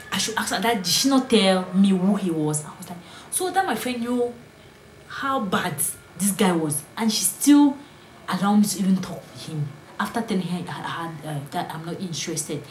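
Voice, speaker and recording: Woman, storytime vlog, low voice, earnest and hushed, echoey room. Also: a little hiss or hum. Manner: earnest, often dropping to a hushed whisper. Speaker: vlogger. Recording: roomy echo, faint ambience.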